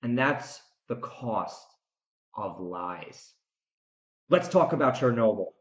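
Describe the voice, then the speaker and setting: Speaking slowly but animatedly at medium pitch, an American man who hosts a solo podcast and writes books rants casually and emphatically. He addresses the listener directly with strong opinions, recorded in a dull, echoey room.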